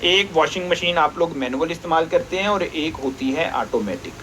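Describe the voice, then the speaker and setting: A man with a bright, forceful voice, pitched a little high, teaching a basic lesson. He explains patiently, step by step, and poses questions that he then answers himself. A faint ambience hums behind him. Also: expressive, normal speed, a little hiss or hum, poor audio. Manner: patient, asks and answers his own questions.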